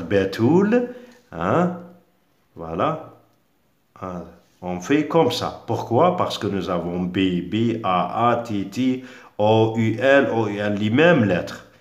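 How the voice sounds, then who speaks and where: Slow, lively-pitched man teaching French. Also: roomy sound. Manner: patient and repetitive, spells out letters, many fillers. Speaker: primary school French teacher. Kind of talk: exam revision lesson.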